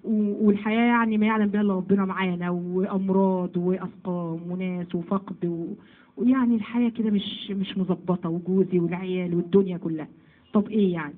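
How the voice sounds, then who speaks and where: A woman with an Egyptian Arabic accent teaching a Quran commentary lesson to women, lively and asking then answering her own questions. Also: medium pitch, fast talker, phone-quality sound. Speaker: religious teacher.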